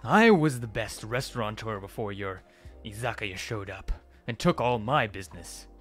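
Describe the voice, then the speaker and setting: A man voicing a bitter rival restaurateur with psionic powers, ranting loudly and indignantly. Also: fairly low pitch, animated, normal speed, faint music behind, close to an everyday voice.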